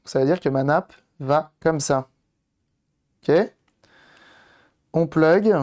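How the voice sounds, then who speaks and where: A hoarse man on a live stream, chatting casually with viewers and thinking aloud as he tinkers with electronics. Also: a little high, steady tone, takes it slowly, darkish tone. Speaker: streamer doing electronics modding. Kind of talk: casual live-stream chat while working.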